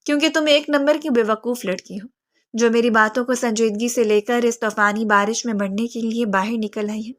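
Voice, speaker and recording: A curt, scolding young mafia heir from a spoken romance novel, read by a woman. The lines come out bossy and clipped, in a slightly high voice. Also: steady tone, lightly acted. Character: brusque young male mafia heir, gruff.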